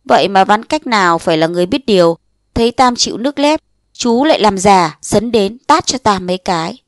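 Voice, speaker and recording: Woman reading a story out loud, lively storyteller, does little voices for the lines, very dry close sound. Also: mid-range voice, fairly quick, dry recording. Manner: lively storytelling, acting out dialogue in changed voices. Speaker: narrator. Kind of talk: audiobook reading of a short story.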